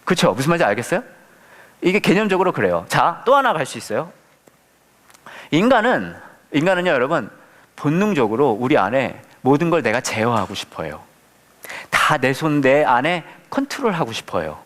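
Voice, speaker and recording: A man's voice: on the high side, very animated, moderate pace, fairly bright tone, big-room sound. A man who is a pastor, leading a casual Bible study, playful and full of questions for the audience. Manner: playful, asks the audience many questions, acts out quotes with humor.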